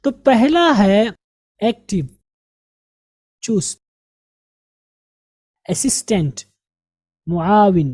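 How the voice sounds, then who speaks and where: A woman English teacher with an Indian Urdu-speaking accent, explaining grammar and drilling vocabulary slowly, repeating each word. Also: mid-range voice, very animated, darkish tone, dry recording. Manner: slow, drilling pronunciation and repeating words.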